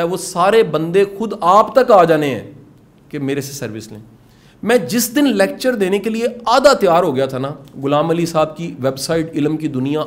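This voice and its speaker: A middle-aged man with a Punjabi accent speaks to a room of course participants in an earnest, urging way, slipping English phrases into his talk. His voice sits a little high for a man. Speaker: motivational speaker teaching a course. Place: indoor classroom with participants.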